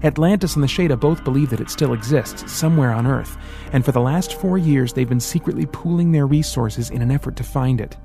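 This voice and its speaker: A man voicing Rand, a calm mentor who explains secrets in measured, mysterious tones, in an audiobook. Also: mid-range voice, faint music behind, natural voice.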